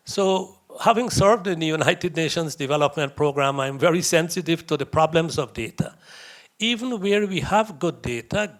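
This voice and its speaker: A man's voice: a little high, fairly bright tone. A man from India, giving a conversational lecture to young visitors, anecdotal with chuckles and asides.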